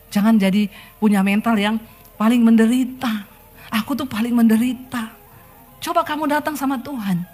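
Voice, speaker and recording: A middle-aged woman pastor preaching a sermon, telling stories and acting out the quotes. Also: sits high. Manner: lively storytelling sermon, acts out quotes.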